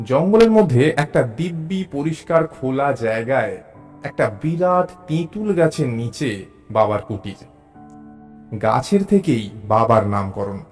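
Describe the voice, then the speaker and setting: Voicing a curious, mild and observant traveler, a male actor with a natural, mid-range voice tells a suspense audio story expressively. Music plays in the background.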